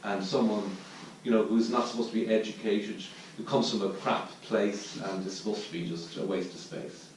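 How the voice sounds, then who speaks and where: A man with an Irish accent gives a dharma talk, his voice sitting a little low as he searches thoughtfully for his words. The mic is set back from him, and the meditation hall adds a strong echo with faint noise underneath. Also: steady tone, moderate pace, hardly any pauses. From Ireland. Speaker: Zen teacher giving a dharma talk. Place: meditation hall at a retreat centre. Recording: distant mic in a very echoey room with faint noise.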